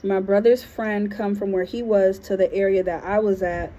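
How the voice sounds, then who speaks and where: A woman's voice: medium pitch, flat delivery, moderate pace, warm tone. A woman from Liberia casually telling a personal story, frank and slangy, with plenty of fillers. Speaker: vlogger. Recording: dull lo-fi sound with faint noise.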